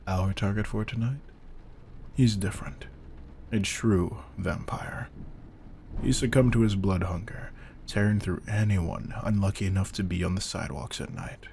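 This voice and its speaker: In a slow-burn audio roleplay, a man plays a veteran vampire hunter, intense and commanding, his gravelly voice fairly low and fairly even in intonation with a darkish tone. Calm and commanding in mood, his delivery is deliberate and often breathy, with slight background noise.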